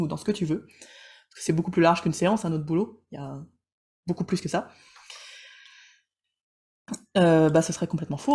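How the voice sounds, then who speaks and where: Chatty woman coach, lowish voice. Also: a little mellow. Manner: chatty, joking, addresses viewers by name. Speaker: coach and trainer hosting a live session. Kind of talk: casual live teaching with audience polls.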